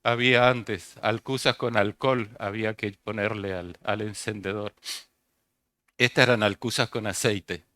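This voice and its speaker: A man's voice: lowish voice, fairly even intonation, normal speed, pushed and bright, dry recording. Older male pastor, sermon, rhetorical questions, dry close sound. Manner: asks the congregation questions and repeats key phrases.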